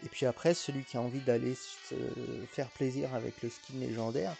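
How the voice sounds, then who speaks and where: Male gaming YouTuber, casual chatty commentary, mid pitch, a bit of vocal fry, stop-start delivery. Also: steady tone, moderate pace, mellow, soft background music. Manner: chatty, rambling, with frequent hesitations and restarts.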